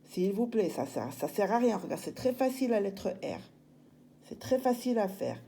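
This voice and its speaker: A primary school teacher with a medium-pitched, sing-song voice that is gravelly yet mellow guides young children through writing a letter. She explains each step slowly and patiently in this handwriting lesson.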